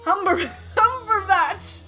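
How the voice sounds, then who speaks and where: A woman voicing a boisterous male arena announcer and promoter from a video game, with theatrical, drawn-out showman patter. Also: high-pitched, lively intonation, pushed and bright, faint music behind. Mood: grandiose, excited. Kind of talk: video game dialogue read aloud in character.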